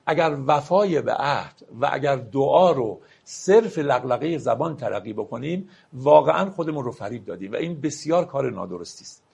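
A man teaching classical poetry, reciting verses slowly and explaining them plainly, sometimes asking his listeners questions. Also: mid-range voice, creaky, darkish tone, breathy edge.

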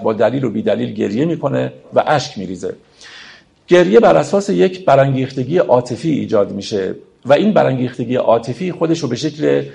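Male lecturer with a gravelly voice, explaining poetry to his audience. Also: mid-range voice, mellow. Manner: explanatory, addresses listeners as friends, recites verses.

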